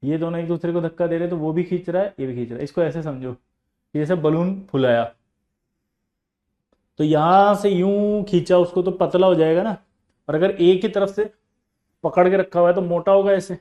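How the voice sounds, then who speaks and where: A male chemistry tutor, lecturing his class in a high, animated voice. He teases and scolds students between explanations. He drives points home with repeated, everyday examples. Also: normal speed, muffled recording. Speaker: chemistry coaching teacher.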